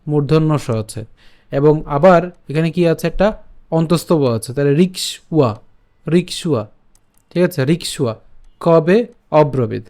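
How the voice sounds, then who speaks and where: A man teaching Sanskrit verse pronunciation, chanting each line slowly and then explaining quickly. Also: on the high side, a little mellow, clear, resonant tone. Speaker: Gita recitation teacher. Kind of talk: slow syllable-by-syllable recitation lesson.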